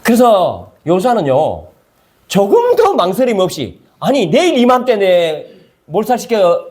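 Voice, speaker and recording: A man's voice: sits high, huge pitch swings, measured pace, a little mellow. A male pastor preaching a conversational sermon and often asking the congregation questions.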